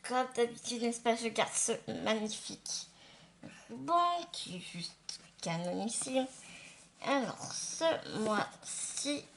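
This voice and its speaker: A woman's voice: on the high side, lively intonation, slow, gravelly, slight background noise. A woman chatting casually to viewers as a craft unboxing vlogger, affectionate and gushing, with a slight lisp and slushy s sounds. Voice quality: slight lisp, slushy s after dental surgery.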